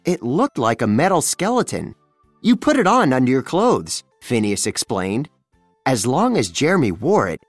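A children's storybook narrator reading aloud with a lively, up-and-down delivery. The voice is dry and close, with faint music playing softly underneath. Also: medium pitch, no room sound. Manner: expressive storytelling. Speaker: storybook reader.

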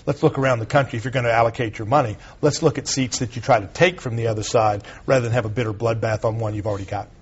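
A man giving quick, assertive political analysis on a TV panel. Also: mid-range voice, fairly even intonation, breathy edge, lo-fi sound. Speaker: conservative talk show host, panelist.

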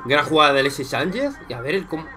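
A young man from Spain, speaking with a Spanish accent in a slightly high voice at a fast clip, reacts live to a football game. He treats his viewers like friends, swearing and getting excited, yelling at goals and muttering between them.

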